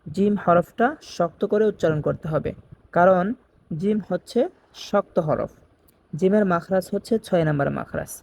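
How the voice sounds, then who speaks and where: High gravelly guy teaching arabic letters slow, repeats every sound, bit of hiss behind. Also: expressive, darkish tone. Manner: slow, repeats each letter and explains it step by step; chants the Arabic opening phrases in a drawn-out sing-song. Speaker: Quran teacher.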